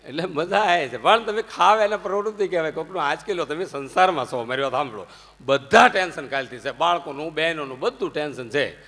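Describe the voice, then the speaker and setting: A man with a Gujarati accent giving a humorous religious discourse, telling anecdotes and rising into loud punchlines. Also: on the high side, a little fast. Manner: jokey, anecdotal, animated swings into loud punchlines. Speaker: religious storyteller. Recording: long hall reverb.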